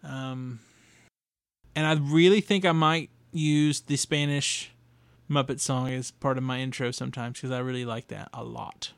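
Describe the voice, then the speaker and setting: A man's voice: mid-range voice, fairly even intonation, unhurried, vocal fry, clean tone, dry recording, studio quality. A young adult man hosting a podcast, talking casually and rambling through his thoughts. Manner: rambling, with fillers and restarts. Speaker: podcast host. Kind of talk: casual solo podcast review.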